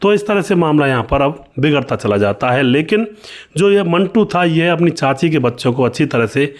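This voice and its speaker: A man narrating an emotional story in a conversational way, speaking to his listeners as friends, with frequent pauses. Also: on the high side, expressive.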